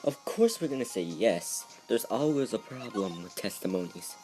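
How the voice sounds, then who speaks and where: A man's voice: on the low side, animated, normal speed, a little mellow, soft background music. A man giving casual, joking commentary while he plays through a video game. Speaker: let's play commentator.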